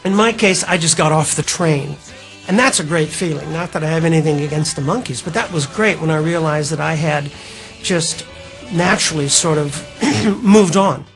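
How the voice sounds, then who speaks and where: A man's voice: a little high, normal speed, faint music behind. A man casually reminiscing in an interview, chatty and wry.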